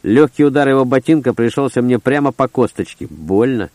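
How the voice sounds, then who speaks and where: A man's voice: medium pitch, steady tone, brisk, darkish tone, dry recording. A man reading a first-person story aloud in short, terse, gritty phrases. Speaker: audiobook narrator. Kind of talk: first-person audiobook narration.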